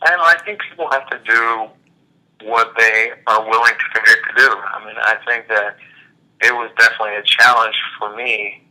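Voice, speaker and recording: A man in his thirties, a former college athlete, talking as an interview guest in a relaxed, reflective way with many fillers. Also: fairly low pitch, moderate pace, low-quality recording. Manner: relaxed, reflective, frequent "you know" fillers. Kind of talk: casual interview conversation.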